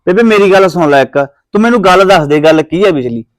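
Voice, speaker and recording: An actor playing a hot-headed young village man with a Punjabi accent, ranting in a rapid, indignant rush. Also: sits high, animated, no echo. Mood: angry. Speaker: young heir of a farming family. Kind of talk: village drama acting.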